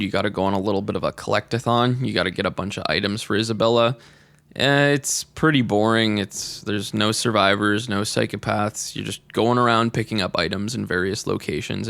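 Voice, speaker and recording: Young guy doing a game review voice-over, kinda low and gravelly, blunt and casual. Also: a little fast, hardly any pauses, a bit bright, dry recording.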